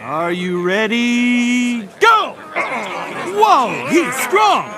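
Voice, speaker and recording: A man playing a brash young hustler in a cartoon dub, working a crowd with theatrical, drawn-out sales calls. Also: very high voice, sing-song, heavy background noise, full character voice. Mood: showy, excited. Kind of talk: animated dub dialogue, showman patter. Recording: loud music and crowd behind.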